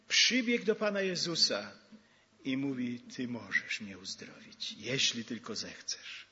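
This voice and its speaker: A man preaching a sermon, rising to exclamations and dropping to soft asides. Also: medium pitch, dull audio, slight background noise.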